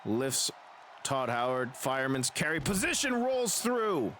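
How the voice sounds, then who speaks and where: A man doing dramatic, excited pro wrestling play-by-play in the manner of a ringside announcer. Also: medium pitch, unhurried, slight background noise. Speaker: streamer and wrestling commentator.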